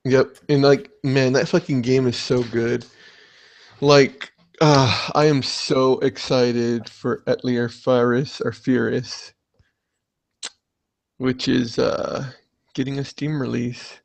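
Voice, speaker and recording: Excitable, foul-mouthed young man hosting a podcast. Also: medium pitch, slow pace, vocal fry. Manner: excitable, swears a lot, animated. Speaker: podcast host. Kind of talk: casual podcast chat.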